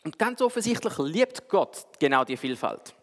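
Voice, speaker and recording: A preacher who speaks in a lively, animated storytelling manner, his pitch swinging widely. His voice sits a little high for a man. It carries a long reverb from a large hall. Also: normal speed. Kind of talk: sermon with a told story.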